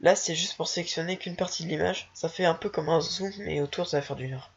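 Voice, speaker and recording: A speaker casually walking through a software tutorial while thinking aloud, hesitant and self-mocking. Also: medium pitch, steady tone, brisk, breathy edge. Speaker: tutorial maker. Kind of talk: casual screen-recorded software walkthrough. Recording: dull lo-fi home recording.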